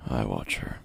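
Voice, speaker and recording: In a first-person horror audio drama, a man plays an exhausted, anxious father haunted by his daughter's calls. His gravelly, husky voice is often breathy, and he speaks in a hushed, halting way, sighing heavily. There's no echo.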